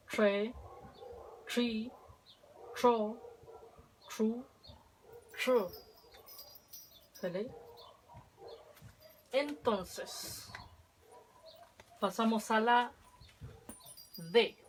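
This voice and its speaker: A woman teaches a language lesson at a very unhurried pace, patiently spelling out sounds and drilling syllables one by one. Her pitch sits in an ordinary middle range. A faint hiss of noise runs under her voice. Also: low-quality recording. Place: home.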